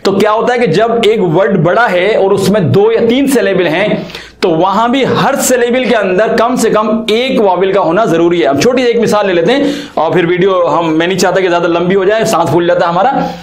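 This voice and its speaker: A man's voice: high-pitched, moderate pace, reverberant. A man teaching an English grammar lesson in a casual, chatty way, asking rhetorical questions.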